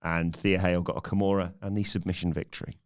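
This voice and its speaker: A man's voice: deep voice, little pitch movement, quick pace, smooth. A man co-hosting a podcast, giving a dry, sarcastic play-by-play recap in casual chat. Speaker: podcast co-host recapping the show.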